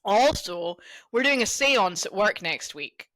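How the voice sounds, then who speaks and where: A young woman co-hosting a podcast, telling stories with a bright voice and a pitch that swings up and down a lot. She swears casually as she chats. The recording is dry and close. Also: expressive, a little slow, dry recording. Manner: chatty storyteller, swears freely. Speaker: podcast co-host. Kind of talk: casual chat.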